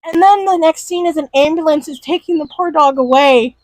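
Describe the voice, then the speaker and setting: A woman's voice: high-pitched, a little fast, no echo, poor audio. A woman in casual chat, animatedly retelling a cartoon and acting out the characters' lines. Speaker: podcast co-host.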